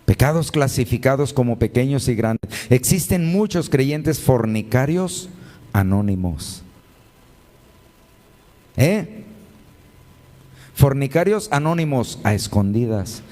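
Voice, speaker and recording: A man's voice: mid-range voice, animated, slow, long pauses, mellow, big-room sound. A male pastor preaching a sermon, firing rhetorical questions at his congregation and calling them brothers and sisters. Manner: addresses listeners as brothers and sisters.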